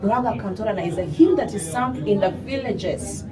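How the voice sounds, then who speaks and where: A young Ugandan woman with a Ugandan accent is interviewed as a gospel singer, speaking animatedly and often saying "you know." Her mid-range voice is expressive and fairly quick. She's recorded on a distant mic, with a crowd and noise in the background.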